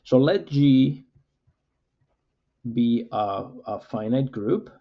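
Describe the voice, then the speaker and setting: A man, a mathematics professor, lecturing with frequent "uh" fillers in a measured, explanatory way. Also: mid-range voice, expressive, highs cut off.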